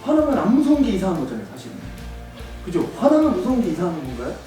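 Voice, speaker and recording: A man giving a lively workshop lecture to teachers, acting out students and teachers in quick voices and asking the room questions. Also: high voice, distant mic. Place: large basement seminar hall, in front of an audience. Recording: roomy echoing hall, mic from afar, faint music.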